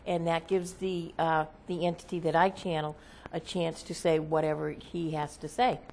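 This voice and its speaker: A woman speaking as a seance medium, casually explaining her trance channeling in an interview, halting and often checking with "okay?". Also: low voice, flat delivery, darkish tone, slight background noise.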